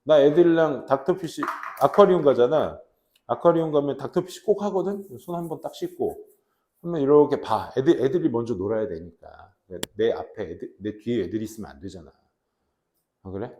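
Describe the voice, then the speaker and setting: A man in his forties teaching a high school English class in a casual, joking way, reading English slowly and translating it. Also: dark tone, echoey room. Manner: chatty, jokes with students, asks them questions; reads English slowly, then translates into Korean.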